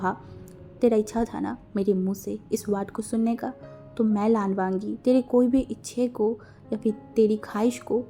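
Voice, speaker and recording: A woman voicing a calm, tender young man in love, speaking softly and reassuringly in a storytelling fan fiction reading, with faint music behind her. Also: fairly high pitch, lightly acted. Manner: soft, reassuring, quietly affectionate.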